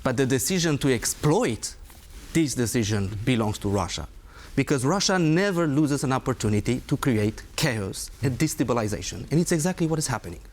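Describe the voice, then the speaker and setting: A man's voice: mid-range voice, expressive, a little fast, few pauses. Emphatic male guest. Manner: emphatic, pointed, rhetorical questions. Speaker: guest, former diplomat. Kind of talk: interview answers.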